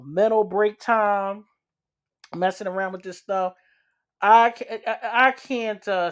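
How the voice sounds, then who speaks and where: Woman hosting a gossip channel, slightly low voice, chatty and sassy, loose and repetitive delivery. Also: a little mellow. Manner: chatty, drawn-out, repeats herself, frequent fillers; sassy, addresses viewers with "child" and "honey". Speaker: channel host. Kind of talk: casual celebrity gossip commentary.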